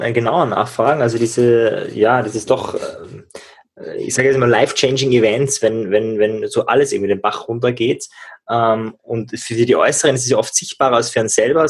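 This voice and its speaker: Husky-voiced male interviewer. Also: mid-range voice. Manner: hesitant, many fillers, long questions. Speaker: interviewer, podcast host. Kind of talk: casual interview.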